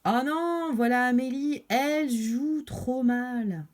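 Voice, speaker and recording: A woman voicing dismissive young boys with a drawn-out, mocking delivery. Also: sits high, darkish tone.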